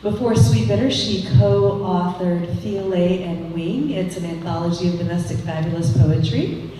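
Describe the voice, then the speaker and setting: A woman's voice: on the low side, unhurried, background noise. A woman giving a heartfelt live introduction of the moderator. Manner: heartfelt, a bit emotional. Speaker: event host introducing moderator. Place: large echoey hall. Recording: echoey hall, distant.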